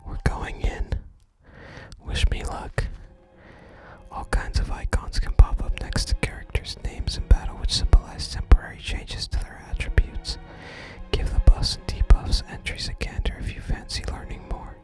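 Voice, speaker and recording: Over music, someone whispers soft, unhurried ASMR commentary while playing a video game, reading its text aloud.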